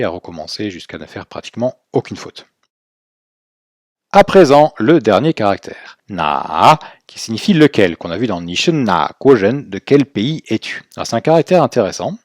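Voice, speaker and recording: A man's voice: on the low side, darkish tone, no echo, studio quality. A man teaching in a recorded video lesson, explaining step by step in a patient way, with fillers as he goes. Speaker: Chinese language teacher.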